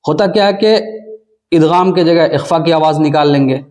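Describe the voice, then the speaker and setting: A man's voice: on the high side, a little mellow. A man teaching a Quran reading class, spelling out syllables and stretching them into a nasal sing-song. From South Asia. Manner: drawn-out syllables. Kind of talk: spelling-out recitation lesson.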